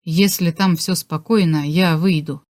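A woman's voice: on the low side, fairly even intonation, a little slow, a little mellow, lightly acted. A woman voicing a secretive, urgent fugitive man. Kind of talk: audiobook character voice.

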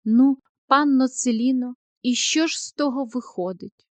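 Smooth-talking male doctor, persuasive and earnest, read by a woman narrator in a dry booth. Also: high voice, measured pace, no echo. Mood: defensive. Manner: earnest, coaxing, then defensive. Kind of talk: audiobook character reading.

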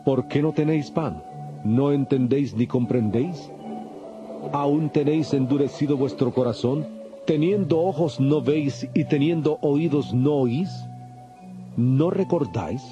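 Actor as solemn Jesus over prominent music. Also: male voice, mid-range voice, measured pace, dull audio, lightly acted. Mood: stern, questioning. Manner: solemn, emphatic, declamatory. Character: Jesus, authoritative adult male teacher rebuking and instructing. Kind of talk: dramatized audio Bible acting.

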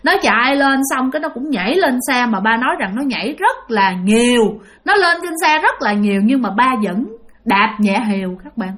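Talking straight to her listeners, a woman narrates a ghost story in a chatty, conversational way. Her voice is on the high side and fairly bright, with lively intonation at a moderate pace.

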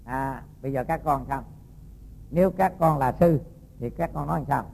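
A man, a Buddhist monk telling a moral story to young students and quizzing them in a lively, folksy way. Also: a little high, moderate pace, vocal fry, breathy edge, rough recording.

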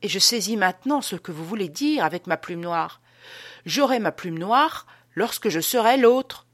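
A woman reading the part of an excitable man, near tears, breaking into excited exclamations. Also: medium pitch, normal speed, no room sound, lightly acted. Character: excitable, tearful man grasping a revelation.

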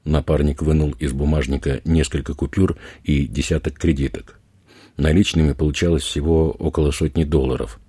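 Male narrator, extremely low voice, dark, husky, dry close recording. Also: steady tone, moderate pace, no room sound. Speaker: audiobook narrator. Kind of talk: scripted narration.

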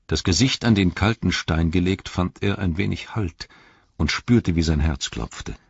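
Deep husky man reading aloud. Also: no room sound, dull audio. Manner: measured, dramatic storytelling. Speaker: audiobook narrator. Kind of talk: scripted narration.

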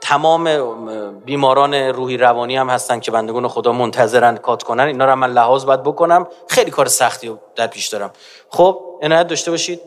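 A man's voice: mid-range voice, long reverb tail. A man giving an emphatic religious lecture who keeps urging his audience to listen closely. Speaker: preacher.

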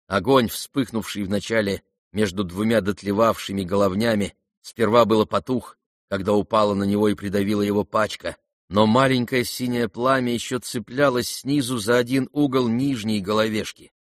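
A man's voice: lowish voice, steady tone, normal speed, no echo, clean studio sound. A man narrating a classic novel as an audiobook, reading expressively and rising with the action. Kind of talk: scripted literary narration.

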